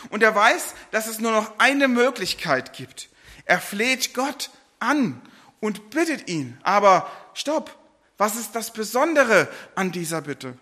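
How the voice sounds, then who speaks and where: A middle-aged man preaching a sermon, earnest, rising for quoted laments and dropping low and soft between. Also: sing-song, slow.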